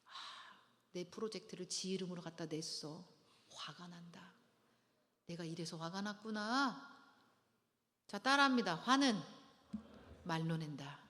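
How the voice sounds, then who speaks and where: A middle-aged woman teaching a church marriage-preparation class in a lively, dramatic way, acting out little scenes and having the audience repeat after her. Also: lowish voice, a little slow. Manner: lively, dramatic, acts out little scenes, leads call-and-response. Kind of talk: church lecture to engaged couples. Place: church hall. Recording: long hall reverb.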